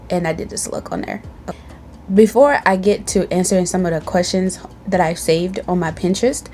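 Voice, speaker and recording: Her voice sits on the low side and sounds a little mellow, with a slight hiss or hum in the recording. This young woman from Tanzania, a beauty vlogger, is at home reading from a tablet during a bold, playful, sassy get-to-know-me chat to camera.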